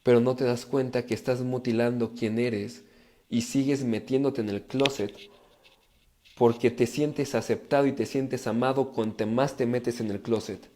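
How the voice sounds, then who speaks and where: Male speaker, emphatic live talk, mellow warm tone, medium pitch. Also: moderate pace. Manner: emphatic, animated, addresses viewers directly. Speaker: personal growth speaker. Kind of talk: live talk reading viewer comments.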